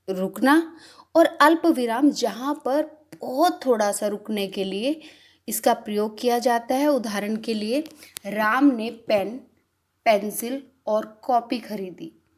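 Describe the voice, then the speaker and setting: A woman teaches a grammar lesson at an unhurried, deliberate pace. Her voice sits a little high, and she walks through each point patiently, stopping on examples. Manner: patient, explains step by step with examples. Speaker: Hindi teacher. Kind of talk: slow classroom explanation.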